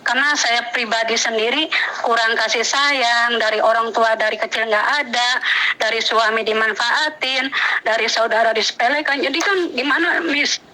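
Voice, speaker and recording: Bright, hesitant woman in her thirties. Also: a little high, fairly even intonation, normal speed, low-quality recording. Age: 30s. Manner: hesitant, agreeing, many fillers. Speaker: guest. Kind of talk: interview answers.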